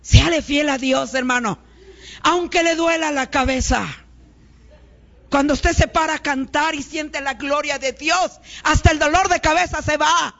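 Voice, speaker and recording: A woman preaching a fervent sermon, calling out to her congregation and rising to shouts. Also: high-pitched, fairly even intonation, unhurried, gravelly, dull audio.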